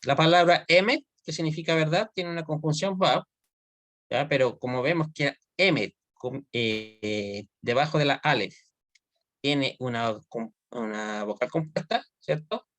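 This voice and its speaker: A man's voice: fairly high pitch, measured pace, a bit bright, no room sound. A man teaching an online Hebrew grammar class, explaining step by step and often checking that students follow.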